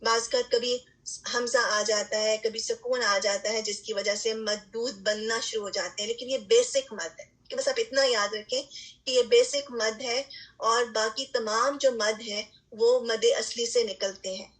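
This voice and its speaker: Slightly high, fairly even and fairly bright, this woman's voice comes through a rough recording of an online lesson. She teaches recitation step by step, patiently, checking in often with "theek hai" and using English terms along the way.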